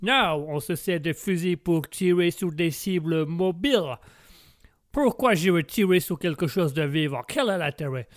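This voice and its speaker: A man's voice: a little high, measured pace, no echo, clean studio sound, close to an everyday voice. A man playing a boastful Texan billionaire gun-maker who fumbles for words and drops English words into his talk. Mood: indignant.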